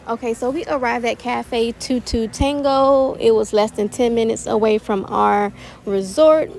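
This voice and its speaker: Chatty woman vlogger with gravelly voice. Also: mid-range voice, darkish tone. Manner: chatty, reviewing food and places. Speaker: family vlogger. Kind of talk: travel vlog narration.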